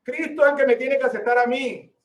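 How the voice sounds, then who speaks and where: A high-pitched male preacher delivers an emphatic sermon full of rhetorical questions. He calls out to his listeners as brother. The sound is roomy and echoing, picked up from some distance. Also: a little fast.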